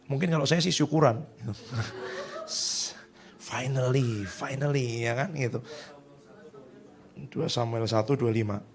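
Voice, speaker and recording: A middle-aged male pastor preaching a sermon in a lively, conversational way, acting out the voices of people he quotes. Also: mid-range voice, takes it slowly.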